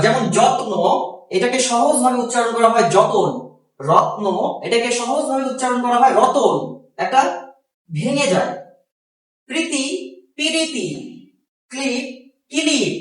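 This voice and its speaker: Bangladeshi guy teaching grammar, slow and repetitive, super echoey room, sounds far off the mic. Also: very high-pitched, fairly bright tone. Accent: Bangladeshi Bengali. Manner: slow and explanatory, repeats each example. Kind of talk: grammar lesson.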